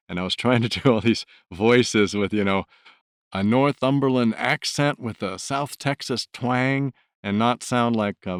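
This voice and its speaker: A man's voice: fairly low pitch, smooth, no room sound, clean studio sound. A man who volunteers as an audiobook narrator, talking about his work in a thoughtful, earnest way. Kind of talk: reflective interview talk.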